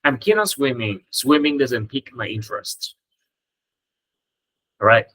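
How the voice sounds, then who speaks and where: A man, a native Vietnamese speaker, teaching an English lesson, reading model phrases slowly and carefully between quick explanations. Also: mid-range voice, animated, fairly bright tone, rough recording. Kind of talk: casual spoken lesson.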